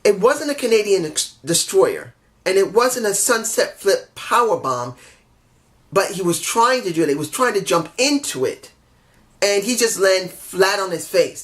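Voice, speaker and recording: A man with a high, somewhat bright voice reviews a wrestling show solo, sounding under the weather from a stuffy head cold. He rambles casually, corrects himself repeatedly, apologizes for mix-ups, and lets out frustrated grumbles along the way.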